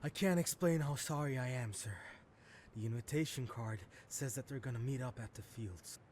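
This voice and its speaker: A man's voice: medium pitch, normal speed, a little mellow, natural voice. An actor playing a nervous male spy in a game, reporting in a deferential, apologetic way.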